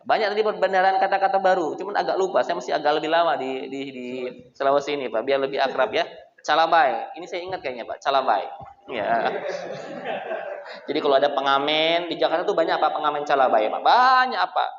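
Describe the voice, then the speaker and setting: A man preaching a lively sermon, joking with his audience and calling out to them directly. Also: on the high side, quick pace. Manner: animated, jokes with the crowd, addresses them as Pak. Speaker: Islamic preacher. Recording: echoey, dull hall recording.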